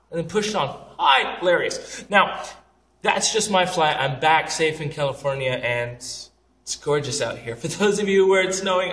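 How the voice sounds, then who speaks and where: A man's voice: a little high, a bit bright, reverberant, far from the mic. A young man telling funny travel stories in a casual, joking, self-deprecating way, talking straight to camera. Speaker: vlogger.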